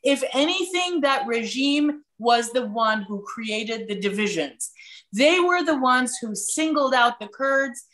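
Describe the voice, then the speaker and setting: A woman's voice: on the high side, lively intonation, a bit bright. A woman from Iran speaking as a panel guest, emphatic and passionate, often cutting in to make her point. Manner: emphatic, passionate, quick to interrupt. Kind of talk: panel discussion.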